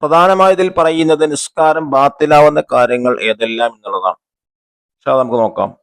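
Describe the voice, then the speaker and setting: A man's voice: on the high side, fairly quick, clear, resonant tone. Man explaining a religious textbook lesson. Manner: reads the textbook aloud, then explains and glosses terms; asks questions and answers them himself. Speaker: religious school teacher.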